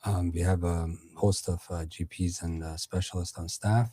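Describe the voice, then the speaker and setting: A man's voice: low-pitched, little pitch movement, moderate pace, warm tone, dry recording. A middle-aged man from Iran, a dentist, answering podcast questions with many fillers and restarts. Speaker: dentist and conference founder.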